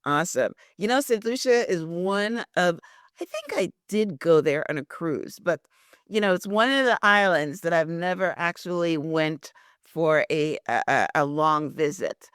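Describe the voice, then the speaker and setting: A woman's voice: fairly low pitch, lively intonation, unhurried, a bit bright, clear, resonant tone, no echo, clean studio sound. A woman from Guyana hosting a podcast interview, chatty and affirming, with many "very nice" replies. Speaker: podcast host. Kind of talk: podcast interview with reading of a synopsis.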